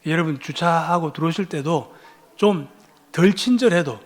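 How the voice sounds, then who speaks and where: A man's voice: a little high, moderate pace, in a large hall. A male pastor preaching a sermon in a church, firing off rhetorical questions and building to emphatic peaks. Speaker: guest pastor. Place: church sanctuary.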